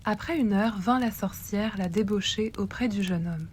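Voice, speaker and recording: A woman's voice: medium pitch, normal speed, a little hiss or hum. Woman reading a classic tale aloud. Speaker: storyteller.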